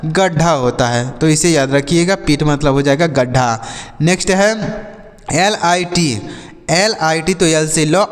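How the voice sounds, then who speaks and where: A man's voice: fairly high pitch, big-room sound. A man teaching English phonics in a patient, repetitive way, asking questions and answering them himself. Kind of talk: Hindi-language phonics lesson.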